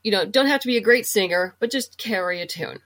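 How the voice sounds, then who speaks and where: A woman with a medium-pitched, slightly bright voice speaks briskly. She is a writer and audio drama producer appearing as an interview guest, chatting casually and with enthusiasm.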